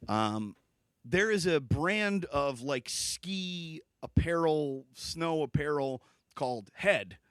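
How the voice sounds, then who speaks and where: A man's voice: animated, slow pace, clear, resonant tone, no room sound. A man in his thirties from Michigan, co-hosting a podcast and telling rambling stories full of fillers. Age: 30s. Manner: rambling, filler-heavy storytelling, swinging pitch. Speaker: podcast co-host. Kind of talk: casual chat.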